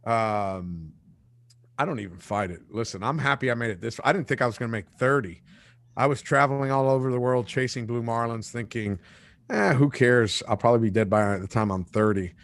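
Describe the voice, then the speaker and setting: Joking, animated man in his forties. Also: medium pitch, brisk, no echo. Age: 40s. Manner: animated joking storyteller with acted-out quotes. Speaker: fishing show host. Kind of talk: casual live-stream chat.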